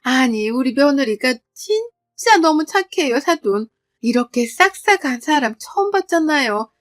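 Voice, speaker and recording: A woman's voice: high voice, big pitch swings, measured pace, pitched above the performer's own voice. A woman voicing an older in-law who effusively praises her daughter-in-law. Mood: gushing. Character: older woman, a gushing, boastful mother-in-law.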